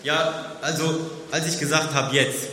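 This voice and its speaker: Young guy preaching, chatty storyteller, bright voice, big echoey church room. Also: a little high, measured pace, a little hiss or hum. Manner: conversational, storytelling, lively emphasis. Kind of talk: sermon with audience demonstration. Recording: echoey hall with long reverb.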